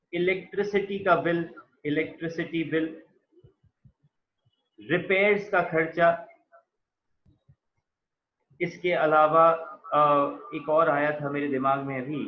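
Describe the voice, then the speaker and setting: A man's voice: on the high side, fairly even intonation, unhurried. A man giving a patient classroom lecture on accounting. He talks to his students as "beta" and writes on a board as he speaks. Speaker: accounting teacher. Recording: echoey dull lo-fi room sound.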